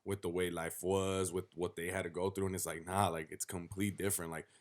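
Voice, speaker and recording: A man's voice: deep voice, little pitch movement, a little fast. A young man co-hosting a casual chat, easygoing and full of slang, eager to jump in. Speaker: podcast co-host.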